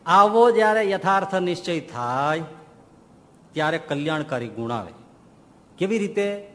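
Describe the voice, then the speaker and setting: A man tells a sermon in a folksy, animated way. His voice sits fairly high and carries a long hall reverb. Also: unhurried. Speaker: monk preacher. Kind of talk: sermon storytelling.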